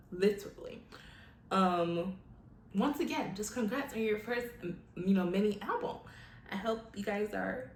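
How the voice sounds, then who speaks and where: A woman hosts a casual reaction video, gushing, giggling and effusive as she comments in a medium-pitched voice with a faint hiss or hum. The room echoes, and pop music from the video she's watching plays behind her.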